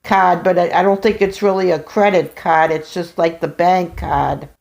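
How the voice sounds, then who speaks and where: A woman's voice: on the low side, fairly even intonation, normal speed, creaky, darkish tone. An older woman talks casually in a family phone conversation, rambling and repeating herself. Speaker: mother on a family phone call.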